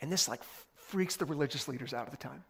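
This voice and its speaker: A young man preaching a sermon, talking through scripture in a casual, animated way with playful asides. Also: fairly high pitch, fast, gravelly, husky. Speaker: pastor.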